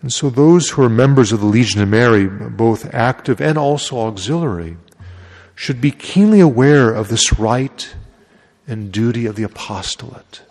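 Reading the gospel and then preaching a homily, this priest speaks in a mid-range, slightly mellow voice at a moderate pace. The large church gives the recording a long echo.

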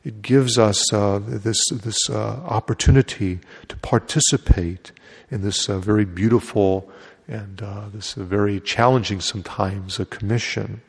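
Deep-voiced male priest in cathedral echo. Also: steady tone, measured pace, vocal fry, slightly rough. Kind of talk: Gospel reading and homily. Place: large echoing church. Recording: cathedral-like echo, long hall reverb.

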